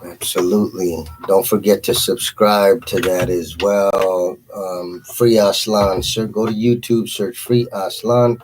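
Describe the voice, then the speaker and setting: A man's voice: low voice, fairly even intonation, slow, hardly any pauses, a little hiss or hum. A man hosting a casual interview show in a laid-back way, often calling people "brother". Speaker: host.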